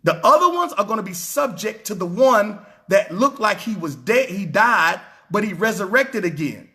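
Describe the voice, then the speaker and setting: A man's voice: sits high, very animated, normal speed, bright, forceful tone. A man preaching a scripture sermon in an emphatic, colloquial manner, firing off rhetorical questions and repeating his points. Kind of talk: street-style sermon on scripture.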